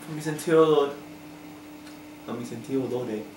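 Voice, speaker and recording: A young man chatting casually in an excitable, insistent way. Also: mid-range voice, normal speed, distant mic. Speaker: blindfolded challenge participant. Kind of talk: casual chat. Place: home kitchen. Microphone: camera microphone a few feet away. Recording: echoey room, faint background noise.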